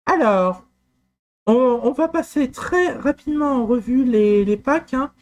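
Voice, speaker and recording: A man presenting a screen-recorded software walkthrough, talking in a hesitant, explanatory way with frequent fillers and restarts and personal asides. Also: extremely high pitch, animated, measured pace. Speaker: tutorial presenter.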